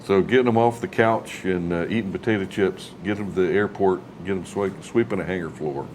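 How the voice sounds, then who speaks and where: A man's voice: sits low, brisk, a little mellow, a little hiss or hum. A man chatting casually as an interviewer, with a folksy, rambling way of asking questions. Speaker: interviewer, host.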